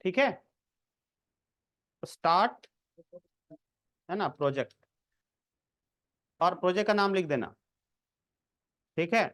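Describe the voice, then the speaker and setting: High-pitched chatty coding tutor, man. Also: expressive, slow, long pauses, a bit bright. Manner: chatty, checks in often with the viewer. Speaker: programming tutor. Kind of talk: casual screen-recorded coding lesson.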